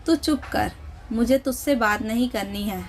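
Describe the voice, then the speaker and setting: Stubborn elderly mother-in-law who scolds harshly, read by a woman narrator with a higher pitch. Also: a little slow, soft background music. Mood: angry, scolding.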